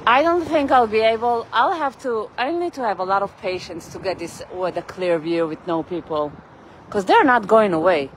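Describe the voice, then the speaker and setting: A vlogger walks outside on a city street, live-streaming through a handheld phone camera, rambling and greeting viewers by name. Her mid-range voice is expressive and moves at a normal speed. The low-quality recording also picks up traffic and street ambience.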